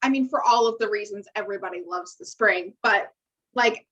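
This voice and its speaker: A woman co-hosting a podcast chats casually over a remote call, bubbly and talkative. Her medium-pitched voice has a sharp tone and runs a little fast, and the call audio sounds dull and lo-fi.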